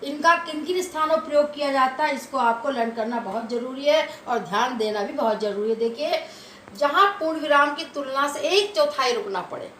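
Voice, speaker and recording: A woman's voice: high voice, normal speed, a bit bright. A woman teaching a grammar lesson to children, explaining step by step and often checking that they follow. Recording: echoey room with faint noise.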